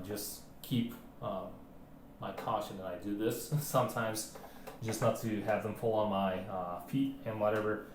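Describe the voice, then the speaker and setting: A man vlogging casually about his home arm workout, rambling with many fillers and restarts. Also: lowish voice. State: out of breath. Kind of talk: casual filmed chat. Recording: roomy home recording, faint background hiss.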